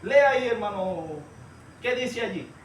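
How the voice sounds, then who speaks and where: Man, preacher, high voice, storytelling sermon, recorded from a distance in a roomy hall. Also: expressive, a little slow. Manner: storytelling, addresses listeners as brother, rises to shouts. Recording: echoey room, far from the mic, light noise.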